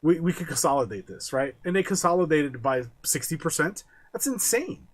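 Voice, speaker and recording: Male podcast co-host, husky, animated, profane; rants and mimics people mid-story. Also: on the high side, a little fast. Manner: animated ranting, swears often, acts out quoted voices. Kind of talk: casual podcast rant.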